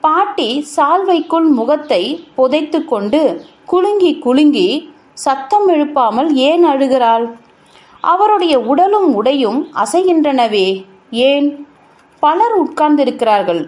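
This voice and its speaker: Woman storyteller, high and animated voice, slow sorrowful short-story reading. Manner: unhurried, sorrowful storytelling with emphatic pauses.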